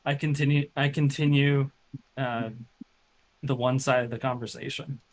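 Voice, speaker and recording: A man playing a tabletop game, explaining his moves in a halting way with frequent restarts. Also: medium pitch, level tone, rough recording. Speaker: player. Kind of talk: casual tabletop game talk.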